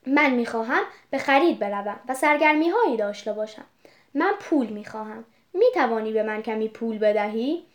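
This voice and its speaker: A storybook boy who ages into a worn-out old man speaks plainly and to the point, as a woman reader voices him. The voice is high for the part. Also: lively intonation, lightly acted. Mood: demanding.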